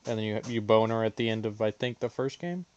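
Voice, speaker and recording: A man's voice: on the low side, lively intonation, fast, darkish tone, dry recording, highs cut off. A man streaming games, chatting casually with crude, teasing banter. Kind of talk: casual gaming stream chat.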